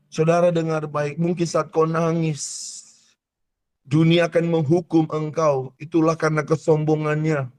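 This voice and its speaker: Male pastor, high-pitched voice, fervent charismatic sermon that moves between shouting and soft, pressing delivery. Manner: impassioned, swings from shouted exhortation to hushed intensity, speaks in tongues.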